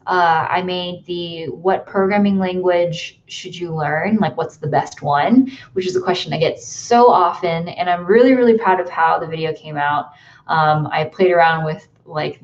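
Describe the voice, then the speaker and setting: A woman's voice: fairly low pitch, darkish tone, muffled recording. A young woman from the United States chatting casually on a livestream from her bedroom, rambling with lots of ums and likes. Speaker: YouTuber hosting a livestream. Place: bedroom at home.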